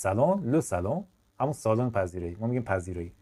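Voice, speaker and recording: A man teaching a French vocabulary lesson whose first language is Persian. His pitch moves a lot as he talks to his students. He says French words and sentences slowly and repeats them. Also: big pitch swings, dark tone.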